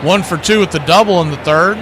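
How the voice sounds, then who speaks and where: With clear outdoor sounds behind him, a man narrates a baseball game live for radio, his play-by-play colorful and folksy. He speaks fairly quickly in a high-pitched voice.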